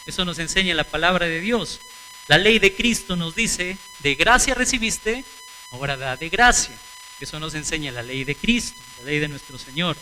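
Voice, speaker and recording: A man's voice: sits high, bright, forceful tone, a little hiss or hum, poor audio. A man preaching a sermon, asking rhetorical questions and answering them, calling the congregation brothers and sisters.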